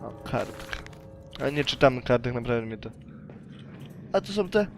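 A man's voice: medium pitch, lively intonation, moderate pace, vocal fry, music in the background. A young man commentating a horror game, joking around and shrieking and pleading when scared. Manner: jokey, easily startled, shrieks and pleads. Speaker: gaming YouTuber.

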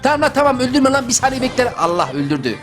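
Casting note: young male gaming YouTuber, high voice, excitable and slangy, faint music behind. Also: rapid-fire. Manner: excitable, slangy, talks to himself and viewers. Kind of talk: live gameplay commentary.

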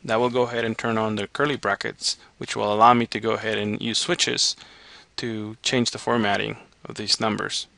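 A man narrating a step-by-step software tutorial as the instructor. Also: on the low side, level tone, moderate pace, vocal fry, no echo. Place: voice-over on a screen recording.

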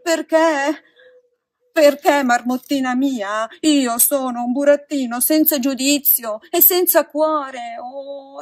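A woman voicing a rash, frightened wooden puppet boy in a storybook reading, wailing and pleading in loud outbursts. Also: very high-pitched, breathy edge, no echo, clean studio sound, voice pushed up, full character voice.

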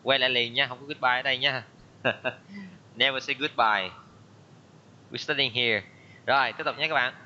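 A man's voice: medium pitch, steady tone, moderate pace, long pauses, pushed and bright. A male teacher running an online language class, patiently drilling words and repeating them for pupils. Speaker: English teacher. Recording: dull lo-fi audio with noise.

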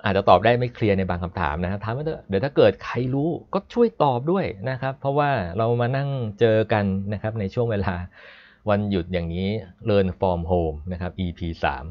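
Man, low voice, chatty coding instructor on a live class; dull lo-fi sound. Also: expressive. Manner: chatty and explanatory, stops to read code aloud slowly. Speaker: programming instructor. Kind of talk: live-streamed coding lesson. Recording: dull lo-fi stream audio.

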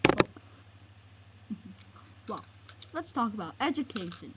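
A woman acting out a homemade toy skit in a playful voice, with sudden yelps and shouts. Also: medium pitch, big pitch swings, slow pace. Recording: loud background noise.

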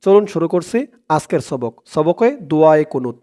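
A man with a Bangladeshi Bengali accent giving a recitation lesson, explaining briskly and then chanting each phrase slowly. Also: on the high side, animated, dark tone, smooth. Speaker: religious teacher.

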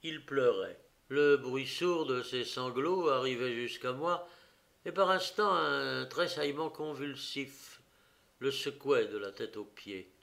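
A man narrating an audiobook of a detective story in a slow, dramatic reading. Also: medium pitch, creaky, fairly bright tone.

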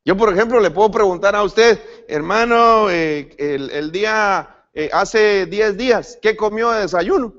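A man's voice: measured pace, few pauses. A male pastor preaching a sermon, speaking to the congregation as brother and often repeating and restarting words as he goes. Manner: lively pitch swings, rising to sudden emphatic peaks. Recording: dull lo-fi church recording.

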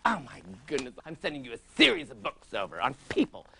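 A prissy, oblivious celebrity interviewer, gushing in a bright, sharp voice that swoops wildly from low murmurs to shrill squeals. A fussy, pompous middle-aged host on a TV talk show set. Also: male voice, wildly swooping pitch, fast talker, vocal fry, breathy edge, full character voice. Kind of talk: improvised comic interview.

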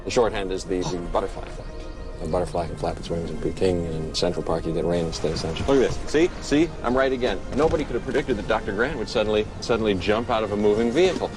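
A man voicing a wry, smug mathematician with a slow, halting drawl and a lecturing manner. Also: on the low side, over music, natural voice.

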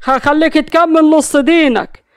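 A woman voicing an angry, jealous young man who shouts threats, with an Egyptian accent, in an audio story. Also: high voice, normal speed, no room sound, clean studio sound, pitched above the performer's own voice, close to an everyday voice. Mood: furious. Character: furious jealous young male strongman.

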